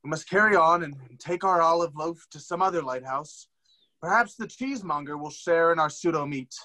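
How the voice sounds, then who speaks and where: A man's voice: a little high, a little fast, bright, forceful tone, rough recording. A man playing an earnest questing hero who speaks in mock-formal tones that slip into plain talk.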